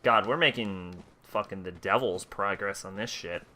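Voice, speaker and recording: A man's voice: sits low, moderate pace, sharp tone, slight background noise. A man giving casual, profane commentary while playing a video game on stream. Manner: swearing, self-mocking. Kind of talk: gameplay commentary. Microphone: headset.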